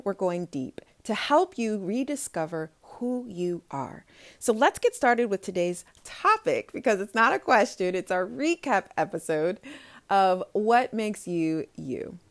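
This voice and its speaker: A woman podcast host giving a casual solo recap in a conversational, reflective and encouraging way. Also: mid-range voice.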